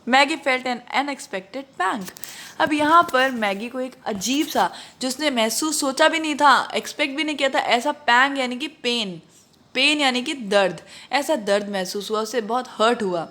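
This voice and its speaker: A woman teacher who reads a story's English passages slowly and then explains them line by line in a conversational tone. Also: sits high, pushed and bright.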